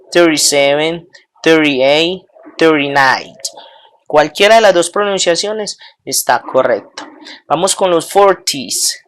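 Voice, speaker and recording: A woman, teaching a lesson and patiently drilling numbers one at a time. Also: low voice. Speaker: English teacher. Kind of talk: slow classroom lesson counting aloud.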